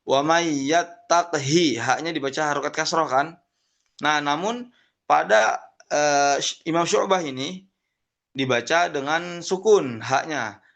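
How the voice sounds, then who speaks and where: A young man from Indonesia giving an online lesson on Quran recitation, explaining patiently and chanting verses in a drawn-out tone. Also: on the high side, lively intonation, creaky, fairly bright tone. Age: young adult.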